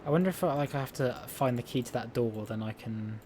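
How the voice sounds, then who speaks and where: A man's voice: mid-range voice, quick pace, noisy background. A man streaming a puzzle game, talking casually and rambling as he plays, often breaking off and restarting his sentences. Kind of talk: casual let's-play commentary. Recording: game music loud underneath. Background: loud game music.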